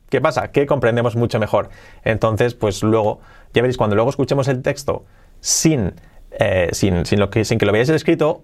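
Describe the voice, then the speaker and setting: Man teaching English, explanatory. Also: mid-range voice. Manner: explanatory, slow careful English demonstrations with drilled repetition. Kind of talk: Spanish-language English lesson.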